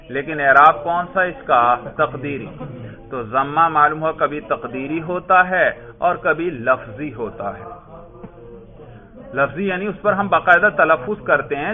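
A man teaching an Arabic grammar lesson, patiently quizzing his students, answering his own questions and slowly reading out example phrases. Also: on the high side. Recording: tinny phone-like audio.

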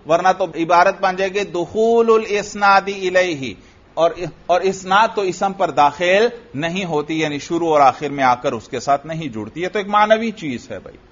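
A man with a high voice teaches a grammar lesson, putting questions to the class and answering them himself. He goes back over each point patiently. The recording is dull and lo-fi. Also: unhurried, fairly bright tone. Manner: repeats points for students. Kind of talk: Arabic grammar lesson in Urdu.

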